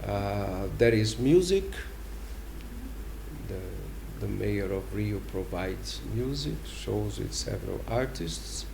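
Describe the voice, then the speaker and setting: Man, Brazilian accent, gravelly mid-pitched voice, unhurried, deliberate interview explanations, faint background noise. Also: lively intonation. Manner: deliberate, emphatic, with pauses and rhetorical questions. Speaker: ambassador giving an interview.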